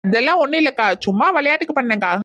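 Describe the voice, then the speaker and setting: A woman voicing a sharp-tongued village woman who mocks and teases the others. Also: sits high, expressive, rapid-fire, lo-fi sound. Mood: teasing. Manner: mocking, teasing.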